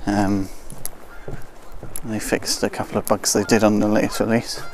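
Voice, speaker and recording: A man's voice: fairly low pitch, level tone, moderate pace, a little hiss or hum. A man, a landscape photographer chatting casually to viewers on a live stream, in a wry, rambling way with joking asides. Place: open heath outdoors at dusk.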